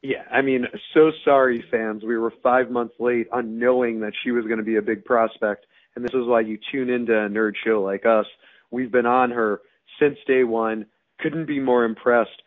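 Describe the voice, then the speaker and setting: A man co-hosts a sports show in a hoarse, raspy voice that sounds strained and nearly gone. He talks analysis casually, at a middling pitch, over a tinny, radio-like narrow line. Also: steady tone, moderate pace. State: hoarse, losing his voice. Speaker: sports podcast co-host.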